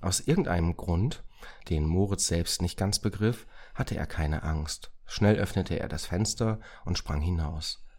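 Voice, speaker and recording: A man narrating a Christmas story aloud in a calm storybook manner. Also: low-pitched, a little slow.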